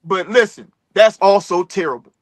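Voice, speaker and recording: A man's voice: sits high, moderate pace, no room sound. A man, a filmmaker, chatting casually in a rambling, earnest way full of fillers. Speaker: filmmaker guest. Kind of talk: casual chat.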